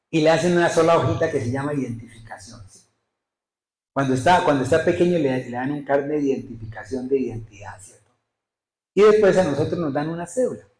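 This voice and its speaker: A man's voice: on the high side, darkish tone, reverberant, rough recording. A male pastor preaching a sermon emphatically, often putting rhetorical questions to his congregation. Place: church.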